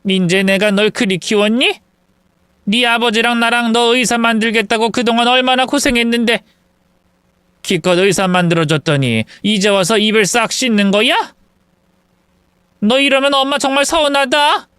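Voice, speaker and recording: A man voicing a bitter older mother-in-law who scolds and accuses in a shrill, raised voice. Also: normal speed, sharp tone, smooth, dry recording, clean studio sound. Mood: reproachful.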